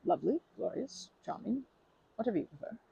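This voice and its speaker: A woman speaks a little high and fairly quick, with a sing-song, creaky, dark-toned voice over dull audio with a little hiss or hum. In an ASMR roleplay she plays a friendly stranger chatting to the listener, rambling and hesitant, often restarting and correcting herself. She comes across as friendly and earnest, with light laughs.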